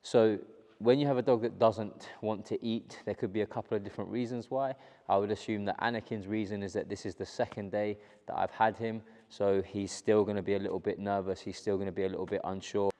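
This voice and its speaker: A man working as a dog trainer, explaining his method to the camera in a calm, steady way and repeating the key points. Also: fairly low pitch. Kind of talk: instructional talk to camera.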